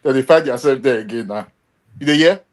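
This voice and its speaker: A man's voice: mid-range voice, a little fast. A Nigerian man on a livestream, chatty and gossipy, leaning into Pidgin. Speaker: livestream guest.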